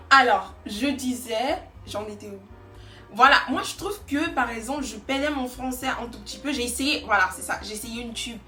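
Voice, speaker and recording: A woman's voice: fairly high pitch, sharp tone. A young woman vlogger chatting casually to her viewers while doing her makeup, rambling and self-assured. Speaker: beauty vlogger. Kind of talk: casual get-ready-with-me chat. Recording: echoey room, faint music behind.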